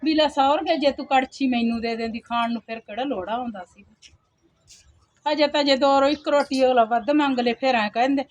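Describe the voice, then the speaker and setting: A woman acting as a put-upon village laborer, high voice, plaintive, grumbling to herself, amateur skit. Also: a little fast, lightly acted. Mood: lamenting. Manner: plaintive, complaining, sighs to God. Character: poor young village woman, a day laborer and mother, weary and put-upon. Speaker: actor in a home-made skit.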